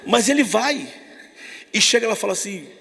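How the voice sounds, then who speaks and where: A man with a Brazilian accent preaching an animated youth sermon, telling stories and acting out dialogue, moving between shouts and hushed tones. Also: high voice, normal speed, vocal fry, slightly rough, big-room sound. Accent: Brazilian Portuguese. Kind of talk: lively evangelical sermon.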